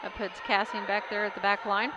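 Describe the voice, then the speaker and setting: Chatty woman calling volleyball in a loud gym. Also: medium pitch, flat delivery, brisk. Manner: chatty, casual, rises loudly on big plays. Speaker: play-by-play commentator. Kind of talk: live volleyball commentary. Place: school gym during a game. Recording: loud crowd and gym noise.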